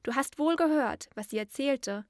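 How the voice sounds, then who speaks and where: A woman's voice: high voice, normal speed, darkish tone, dry recording, studio quality, voice pushed up, lightly acted. A woman voicing a wild little robber girl, blunt, bossy and threatening, in a storybook reading. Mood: brusque.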